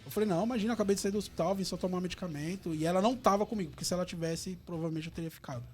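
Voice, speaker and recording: Brazilian male radio guest; high, rapid, animated storyteller at a studio mic. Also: soft background music. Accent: Brazilian Portuguese.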